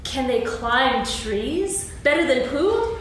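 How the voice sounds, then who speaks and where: A woman playing a small, eager, fearless young kangaroo with a squeaky, childlike voice in a staged children's story. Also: slow, full character voice. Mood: eager curiosity. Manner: childlike, excitable, questioning. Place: on stage, seated reading. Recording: echoey hall, far mic, faint noise.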